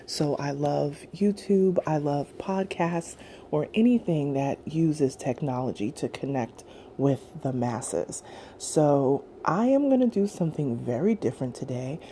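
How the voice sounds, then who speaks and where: A woman hosting her podcast in a soft, quiet voice, slipping into whispers while she eats breakfast. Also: animated, unhurried, slight background noise. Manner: low, quiet voice that drops into whispers; eating breakfast while talking. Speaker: podcast host. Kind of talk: soft-spoken casual chat.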